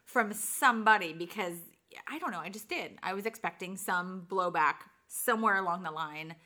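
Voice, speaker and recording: Animated woman with a bright voice. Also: lowish voice. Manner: animated, expressive, quick to act out dialogue. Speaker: mother sharing a family's mission call. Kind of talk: casual conversational storytelling.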